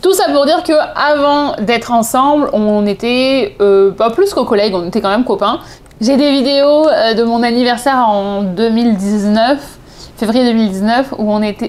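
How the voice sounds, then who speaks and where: On the high side, a little fast and a little mellow, a woman in her thirties from southeast France speaks with a French accent. In her vlog she casually tells personal stories to camera, chatting, drifting off topic and often correcting herself.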